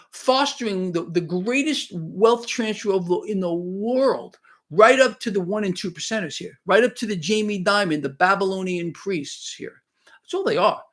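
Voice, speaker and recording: A man just shy of sixty who talks at a rather high pitch for a man. He lectures his live audience in a fervent, preachy tone. He loops back on his words and restarts his sentences often. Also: fairly bright tone. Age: 50s. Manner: fervent, preachy, repeats himself, many restarts. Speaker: financial livestream host. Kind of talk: unscripted live-stream commentary, reading chat.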